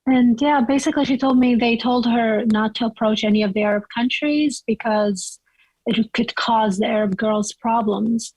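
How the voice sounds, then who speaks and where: A woman's voice: a little high, fairly even intonation, moderate pace, a little mellow, no room sound, low-quality recording. A young woman from Iraq, chatting as an interview guest and telling her story loosely, with lots of "like" and "you know.".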